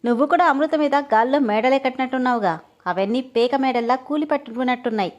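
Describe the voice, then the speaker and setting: A jealous young woman with a sharp, mocking tongue, put on by a female storyteller. She scolds and jeers in a fairly high voice, and every line has a biting edge. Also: fast, highs cut off, lightly acted. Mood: sarcastic.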